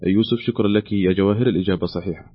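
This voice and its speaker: A man's voice: deep voice, fairly even intonation, rapid-fire, highs cut off. A man hosting a call-in quiz, reading questions aloud and patiently repeating the options. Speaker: quiz show host.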